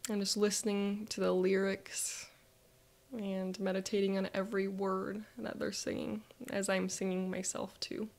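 Woman narrator, guided visualization, flat, fry-heavy delivery, slips into whispers. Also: mid-range voice, a little slow. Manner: soft, reflective, drifting into whispers.

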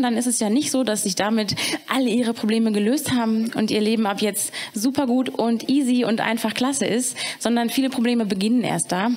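Wry woman performing slam poetry. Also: fairly high pitch. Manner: wry, conversational storytelling.

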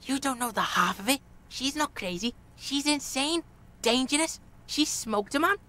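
Actress as a swaggering foul-mouthed game street kid, high-pitched and crude. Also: female voice, animated, normal speed, sharp tone. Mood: cocky. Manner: swaggering, crude, refers to himself by name. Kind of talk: video game voice acting.

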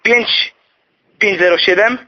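A man's voice: high-pitched, slow pace. A man playing a flustered, insistent boyfriend in a telephone conversation, stammering and rambling as he pleads. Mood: flustered, pleading. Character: flustered, insistent boyfriend urgently seeking his girlfriend. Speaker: prank caller. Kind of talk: telephone conversation, prank call. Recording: dull, noisy phone-call recording.

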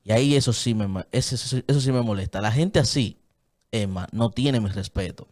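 In a small padded studio, a guest in his thirties with a Dominican Spanish accent speaks earnestly into a microphone on a desk stand, headphones on and gesturing often. His voice is fairly low, a little mellow, and a bit fast.

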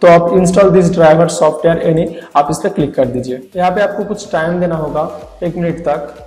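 A man talks viewers through a computer setup one click at a time, his fairly high voice ringing in a roomy space. The reverb hangs on his words, and soft music plays faintly underneath. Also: a little slow. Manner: step-by-step explaining. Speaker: tech tutorial host. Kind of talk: screen-recorded tutorial.

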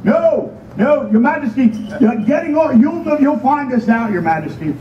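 A man playing a rambling, hesitant ageing knight in a comic stage monologue at an outdoor Renaissance fair, halting and repeating himself. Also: extremely high pitch, animated, a little hiss or hum. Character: rambling, hesitant ageing village knight musing on old age. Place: outdoor wooden stage at a fair, far camera. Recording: distant, muffled, echoey outdoor stage.

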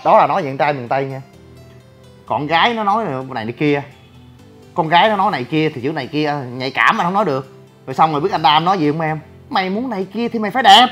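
A man's voice: on the high side, lively intonation, fast talker, a bit bright, soft background music. A young man, talking bluntly and brashly in a rambling livestream monologue. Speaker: gym owner and online personality.

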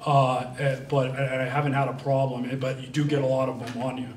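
A young guest speaker from Vermont fields audience questions at a library event room, rambling with lots of fillers and restarts. His medium-pitched, level voice moves a little fast and is captured on a handheld mic from far off, giving a roomy sound.

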